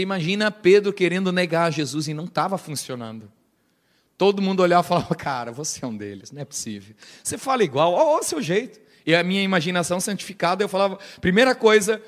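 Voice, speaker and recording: A middle-aged man with a Brazilian accent, a pastor preaching a sermon in a church, animated and playful, acting out quoted voices. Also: high voice. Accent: Brazilian Portuguese.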